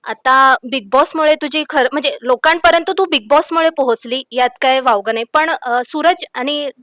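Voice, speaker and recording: Woman interviewer, high pitch, conversational questions, encouraging hums, dry sound. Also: unhurried, fairly bright tone, no room sound. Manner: friendly prompting with frequent hums.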